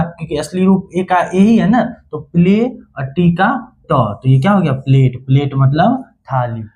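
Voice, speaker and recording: A man's voice: a little high, dark tone, a little hiss or hum. Man teaching phonics with repeated questions. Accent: Hindi. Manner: repeats questions and answers himself. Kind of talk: phonics lesson.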